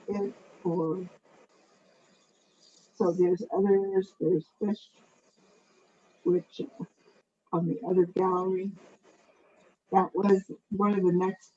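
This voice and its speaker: A woman painter talking informally about her own art as a panel guest, in a halting, meandering way. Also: mid-range voice, a little mellow. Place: online video call. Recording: noisy, muffled video call audio.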